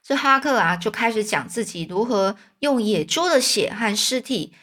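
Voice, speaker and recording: A woman's voice: fairly high pitch, expressive, normal speed, fairly bright tone. A woman, reading a children's story aloud in a chatty way and explaining words as she goes.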